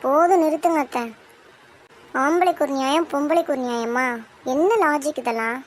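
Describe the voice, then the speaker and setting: The high, clear voice of a young cartoon bride-to-be who stands up for her sister, voiced by a woman. She answers back sharply, with firm, cutting defiance and no fear of her elders. Faint noise sits behind her. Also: fairly quick, lightly acted. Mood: defiant. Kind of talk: cartoon soap drama voice acting.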